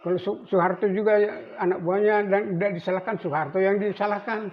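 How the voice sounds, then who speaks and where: An elderly man in his eighties, a navy veteran, recalling his service in a rambling, halting way with many restarts. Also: sits high, fairly even intonation. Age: 80s. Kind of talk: recorded interview. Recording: dull lo-fi recording with faint noise.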